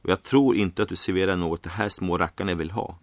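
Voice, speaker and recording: A man's voice: low-pitched, no room sound, natural voice. A man doing an eager eccentric inventor. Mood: enthusiastic. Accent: faint, vague Eastern European and American. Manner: enthusiastic, warm, confiding.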